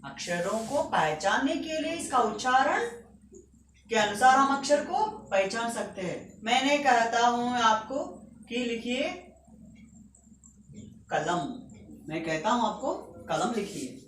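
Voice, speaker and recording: A woman teacher speaks slowly and patiently, reciting letters one by one for a school lesson. Her fairly high voice swings widely in pitch. She sounds a little far from the mic in an echoey room, with a faint hiss behind her. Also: lively intonation, a bit bright.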